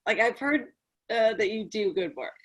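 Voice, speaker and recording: A woman's voice: mid-range voice, lively intonation, normal speed, fairly bright tone. A chatty woman competing in a contest, joking casually and a little dramatically.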